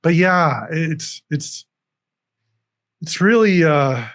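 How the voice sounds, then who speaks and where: Speaking by video call from a room decorated with dragons, this man is a recovery coach guesting on an interview show. He has a fairly high, bright, animated voice with drawn-out words, and he walks through his points earnestly, frequently starting over.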